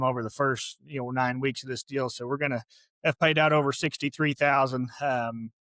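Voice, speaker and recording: A man's voice: mid-range voice, fairly bright tone, no room sound. A man, speaking as a guest organizer in a casual, folksy, plainspoken way. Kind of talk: casual interview talk.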